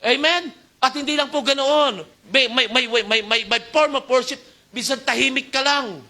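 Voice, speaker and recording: High, bright-voiced preaching man. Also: moderate pace. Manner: exhorting, calls for amen, shifting loud and soft. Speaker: youth pastor. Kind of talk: Taglish sermon. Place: church youth service.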